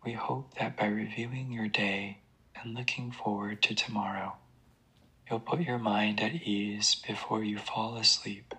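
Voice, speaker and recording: A man leading a guided prayer and breathing meditation in a hushed, breathy, creaky voice, with a deliberate, calming delivery. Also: on the low side, low-quality recording. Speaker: guided sleep meditation leader.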